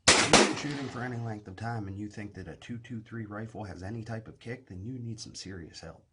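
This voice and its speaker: A middle-aged man with a slow rustic drawl, giving blunt, sarcastic, sweary firearms commentary. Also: lowish voice. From West Virginia, United States. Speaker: reaction video host. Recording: loud noise with clicks.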